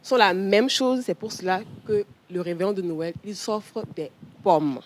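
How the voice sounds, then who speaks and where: A woman with a Togolese French accent calmly explaining a topic as a columnist on a TV talk show. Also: medium pitch, a little slow, slight background noise. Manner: calm, explanatory, steady. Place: TV studio.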